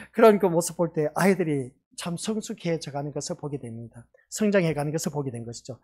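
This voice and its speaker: A man preaching a sermon as pastor of a church, earnest and lively, telling a story about children with quoted dialogue. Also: on the high side. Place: church sanctuary.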